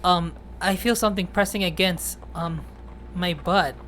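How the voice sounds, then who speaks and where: A woman's voice: on the low side, fairly bright tone, a little hiss or hum. Woman doing a shy, timid young yokai boy. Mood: flustered. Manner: shy, hesitant, halting. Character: timid, gentle young male yokai, petite.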